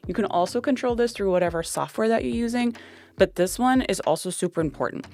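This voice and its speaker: A woman's voice: medium pitch, expressive, fast talker, darkish tone, no room sound. A young woman giving a casual, chatty product walkthrough into a dynamic podcast mic, with plenty of fillers. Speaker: tech reviewer.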